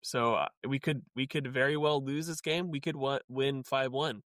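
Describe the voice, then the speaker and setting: A man's voice: mid-range voice, fairly even intonation, moderate pace, fairly bright tone, no room sound, studio quality. A man co-hosting a casual podcast, chatty and wry with a glum edge, often trailing off into fillers. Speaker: podcast co-host.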